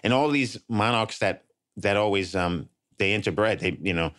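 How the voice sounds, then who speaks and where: A man's voice: fairly low pitch, moderate pace, fairly bright tone. A man co-hosting a comedy podcast, rambling and jokey, often restarting his sentences. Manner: rambling, jokey, self-interrupting. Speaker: podcast co-host. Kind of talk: casual podcast chat.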